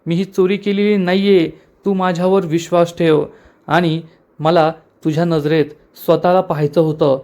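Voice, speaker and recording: A man's voice: fairly high pitch, a little mellow, lightly acted. A man voicing a scheming, quarrelsome and proud village mother who scolds and pleads theatrically.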